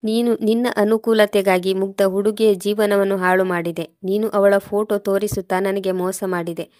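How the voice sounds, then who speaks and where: A woman reading the lines of a stern, betrayed husband in a storybook tale, in a flat, accusing tone. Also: medium pitch, moderate pace, no room sound, studio quality, natural voice. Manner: accusing, harsh.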